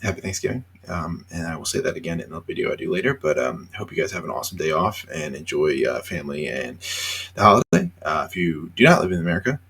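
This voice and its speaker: A tired man hosting a casual solo reaction show, rambling with lots of fillers and pauses between thoughts. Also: a bass voice, lively intonation, fairly bright tone, a little hiss or hum. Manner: rambling, hesitant, many fillers. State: tired, yawning. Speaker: reality TV reaction host.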